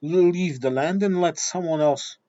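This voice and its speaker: Speaking in a fairly high, warm voice at an unhurried pace, this native Portuguese speaker with a matching accent goes on a combative rant aimed directly at his audience. He's a video commentator, and the recording is dry with lo-fi sound.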